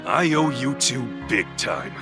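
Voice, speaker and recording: An actor voicing a small, gruff Pikachu detective in a video game, casual and wry. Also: male voice, mid-range voice, big pitch swings, a little slow, music in the background. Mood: grateful, easygoing. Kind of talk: video game cutscene acting.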